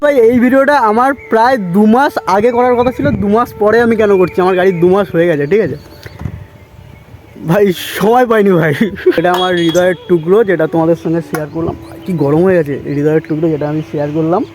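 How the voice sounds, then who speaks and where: A man's voice: high voice, brisk, a little mellow. A young man vlogging casually to his viewers, telling a story in a chatty way and often calling them brother. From West Bengal, India. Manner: chatty, keeps saying "bhai" and "thik ache". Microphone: handheld camera, self-filmed.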